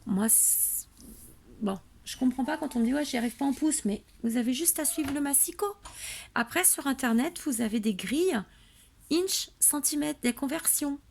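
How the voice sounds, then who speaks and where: A woman with a high, animated, slightly mellow voice talks at a normal speed while hosting a papercraft tutorial at home. She sounds drowsy and worn out, rambling casually with lots of fillers, recorded by a camera on a tripod.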